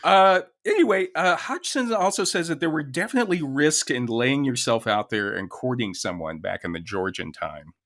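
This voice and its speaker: Male co-host, mid-pitched and very animated, easygoing and jovial as he shares research in casual conversation. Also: normal speed, few pauses. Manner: jovial, chuckles through his talk. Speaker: podcast co-host. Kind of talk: casual chat, relaying and quoting research.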